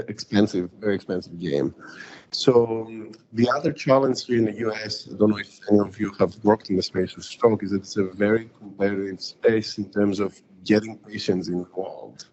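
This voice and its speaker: A man talks conversationally as a startup founder on a panel. His voice sits low, and the recording is muffled with faint noise behind it. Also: a little mellow. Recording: dull lo-fi room recording, background noise.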